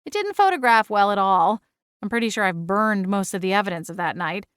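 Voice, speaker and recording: A woman's voice: medium pitch, lively intonation, fairly quick, fairly bright tone, smooth, no room sound, lightly acted. Friendly young female lead, acted by a woman narrator, wry and casual, dry audiobook sound. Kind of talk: audiobook character voice.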